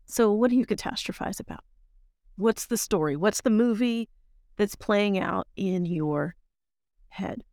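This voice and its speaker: A woman's voice: medium pitch, measured pace, a little mellow, no echo, studio quality. A woman hosting a motivational coaching podcast, talking emphatically and repeating key phrases for stress. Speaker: podcast host and life coach.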